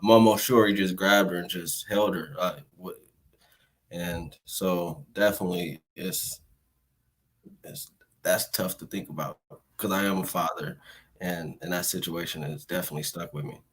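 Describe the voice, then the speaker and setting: A man with a deep, low voice talks in an unhurried, laid-back way. He hosts a casual interview, never raises his voice, and often trips over a word before settling into his point. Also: husky, low-quality recording. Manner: calm, laid-back, measured, with restarts. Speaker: host, state senator.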